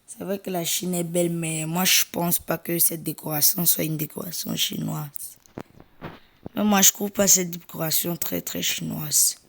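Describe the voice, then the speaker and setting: A woman's voice: on the low side, steady tone, moderate pace, creaky. A woman chattily narrating her own role-play video. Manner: chatty, playful. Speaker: video creator.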